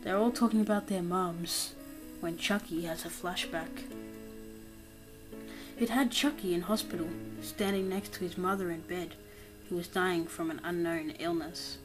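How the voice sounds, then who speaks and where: Low-voiced woman narrating a horror story. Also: low-quality recording. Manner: steady reading, dropping quiet and slow for grim parts. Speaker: creepypasta narrator. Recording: narration over loud background music.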